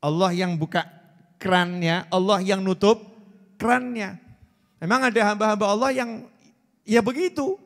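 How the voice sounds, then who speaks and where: A man in his forties giving a lively, joking sermon and quizzing his audience. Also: high voice, measured pace, long pauses, long reverb tail. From Indonesia. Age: 40s. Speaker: preacher. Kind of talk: religious sermon to a live audience.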